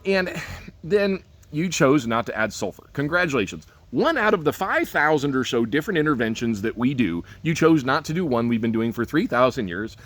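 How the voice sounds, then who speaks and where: Here the same sort of casual rant comes from a winemaker with a mid-range, fairly bright voice. Talking to camera, he's folksy and lightly profane, tossing out sarcastic rhetorical questions and homespun asides while chuckling at his own humor.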